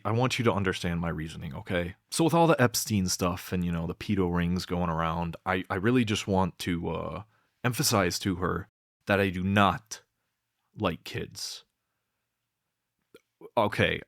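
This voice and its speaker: Low gravelly deadpan young man. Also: no echo, clean studio sound. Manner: rambling and deadpan, with many fillers and swearing. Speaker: vlogger. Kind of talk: comedic storytelling to camera.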